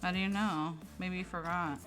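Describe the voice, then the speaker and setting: A young woman hosting a casual stream, teasing and protesting with quick laughs. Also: on the low side, steady tone, fairly bright tone. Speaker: streamer host. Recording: faint music in background.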